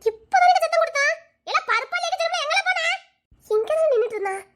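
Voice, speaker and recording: A village mother, played by a woman, who calls out loudly for her shop boy. Her voice is very high and shrill, and she scolds as she calls. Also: expressive, fast talker. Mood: calling, worried.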